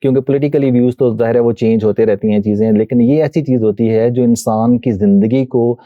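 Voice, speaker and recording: A middle-aged man from Pakistan, a guest answering interview questions politely and hesitantly, often pausing with fillers. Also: mid-range voice, steady tone, dry recording. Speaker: guest, voice-over reader of columns. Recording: dull muffled dry sound.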